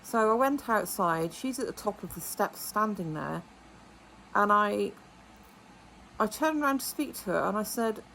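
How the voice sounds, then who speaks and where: A woman's voice: medium pitch, expressive, a little slow, creaky, bright, forceful tone, a little hiss or hum, low-quality recording. Indignant chatty English woman vlogger. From England. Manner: rambling, indignant, with many asides and quoted dialogue. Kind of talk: casual storytelling monologue.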